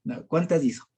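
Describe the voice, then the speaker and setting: An Ecuadorian Spanish-accented man with a husky, dark-toned voice on the high side teaches a Bible study. He chats informally, often laughs, drops many verbal fillers and quizzes listeners through rhetorical questions.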